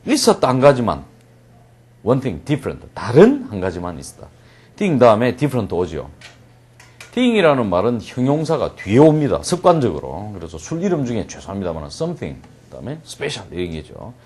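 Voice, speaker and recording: Male English-reading teacher, husky, lively pitch, jokey lecture with acted-out asides. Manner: jokey, acts out scenes with quick asides and laughs. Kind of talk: lecture translating a story line by line.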